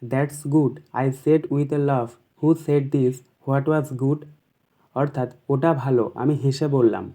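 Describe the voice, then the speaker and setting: A man with a West Bengal accent teaching an exam paper, reading each English question slowly and then explaining it quickly in Bengali. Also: mid-range voice, fairly even intonation, warm tone. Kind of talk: exam paper walkthrough lesson.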